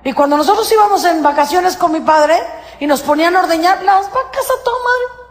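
A woman with a Mexican accent giving an inspirational spiritual talk to an audience, fervent and preacher-like, moving between hushed and emphatic delivery. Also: extremely high pitch, lively intonation, a little fast, a little hiss or hum. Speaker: motivational speaker. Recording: echoey hall with long reverb.

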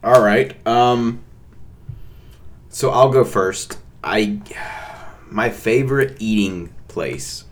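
Deep-voiced rambling man. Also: extremely slow. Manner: rambling, repeats words, many fillers. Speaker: podcast co-host. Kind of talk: casual couple's podcast chat.

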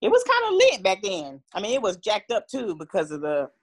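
A woman's voice: medium pitch, huge pitch swings, a little fast, breathy edge. A woman co-hosting a podcast in casual chat, slangy and laughing often. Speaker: podcast co-host.

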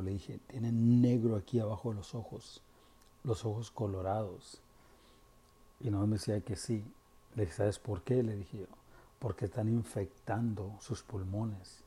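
Un hombre con acento mexicano que divaga en un monólogo casual hacia sus espectadores, se corrige a menudo y mete palabras en inglés. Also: male voice, on the low side, warm tone, breathy edge. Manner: rambling, restarts often, switches into English words. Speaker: video commenter addressing viewers. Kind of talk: casual personal monologue.

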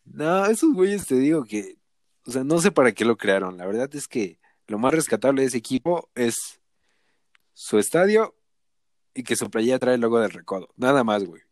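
A man's voice: medium pitch, big pitch swings, moderate pace, darkish tone, no echo, studio quality. A man with a Mexican accent bantering casually and profanely as a football podcast co-host. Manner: slangy, profane, joking.

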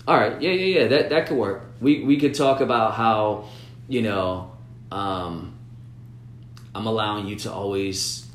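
In a noisy, echoey room, a man with a lowish voice talks slowly through business plans in a casual planning chat. As the business-minded partner of an artist, he rambles, repeats words, and keeps asking "you know what I'm saying."

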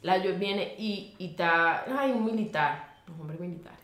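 A woman with a Venezuelan accent, co-hosting a podcast and telling legends in a lively, slangy, casual way. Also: lowish voice, a little slow, roomy sound, a little hiss or hum. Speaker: podcast co-host.

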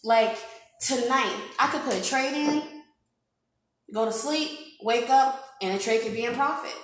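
A woman's voice: on the high side, a little slow, a little hiss or hum. Upbeat woman in her twenties from Illinois, guest, very echoey room. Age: 20s. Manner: chatty, upbeat, lots of fillers. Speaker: podcast guest. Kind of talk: casual chat.

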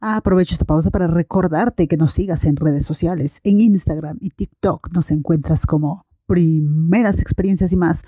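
A young woman with a Latin American Spanish accent, hosting a podcast and telling a story in a chatty, animated way. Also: lowish voice, moderate pace, hardly any pauses, dry recording, clean studio sound. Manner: chatty, animated, acts out friends' voices. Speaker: podcast host. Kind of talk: casual storytelling monologue.

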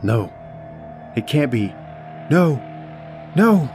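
A man's voice: fairly low pitch, slow pace, music in the background. A man voicing a terrified family man who cries out and pleads in desperation. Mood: panicked, anguished.

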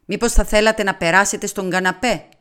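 A woman's voice: mid-range voice, steady tone, a bit bright, clean tone, close to an everyday voice. A woman voicing a weary, tormented dying man in an audiobook, with pained, pleading words.

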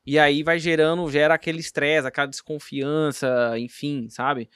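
A man's voice: fairly high pitch, flat delivery, moderate pace, a bit bright, clean tone, no room sound, studio quality. A man with a Brazilian accent hosting a casual podcast chat, talking in a rambling, slangy way with many restarts. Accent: Brazilian Portuguese.

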